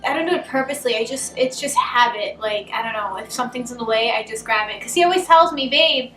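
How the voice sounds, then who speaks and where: A woman's voice: fairly high pitch, fast talker, pushed and bright, a little hiss or hum. A woman with a Boston accent hosting a casual couple Q&A at home, chatty and rambling, laughing often. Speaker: channel host. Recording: roomy, distant camera sound.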